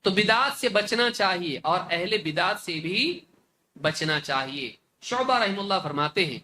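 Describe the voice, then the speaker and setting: A man giving a religious lecture, animated, acting out opponents with mocking rhetorical questions. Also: high-pitched, a little hiss or hum. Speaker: Islamic scholar lecturing.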